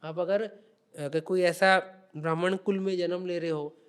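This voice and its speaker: A man's voice: sits high, fairly even intonation, moderate pace, smooth. A man speaking as a religious guest on a podcast interview, explaining spiritual teachings in an emphatic, preaching way.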